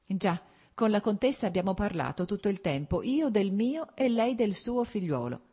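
A graceful young noblewoman speaks politely, with a light and playful warmth, as a woman narrator gives her voice. The voice rides a little above the reader's usual low, husky register. It is an audiobook reading of a novel. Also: very animated, normal speed. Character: lively, graceful young noblewoman, quietly warm.

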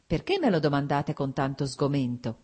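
A proud, defiant young noblewoman from a storybook reading, insistent and full of feeling, as a woman narrator gives her voice. The voice sits a little higher and brighter than the narrator's own low, husky tone. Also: big pitch swings, moderate pace, heavily acted. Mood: offended. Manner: insistent and emotional.

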